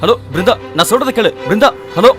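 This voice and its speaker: A young man dubbing a lover who talks in a hurried, pressing way. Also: high-pitched, animated, music in the background. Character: young lover hurrying to elope. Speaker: dubbing actor. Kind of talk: dubbed film acting.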